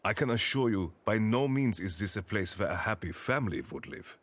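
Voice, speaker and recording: An actor playing a stern, worldly young manservant with a blunt, measured, scornful manner, in animated drama style. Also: male voice, lowish voice. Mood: stern warning. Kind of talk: animated drama dub acting.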